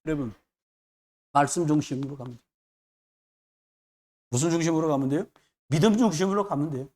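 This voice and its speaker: A man's voice: fairly high pitch, brisk, darkish tone. A man preaching a sermon as pastor, emphatic and repetitive, with joking asides.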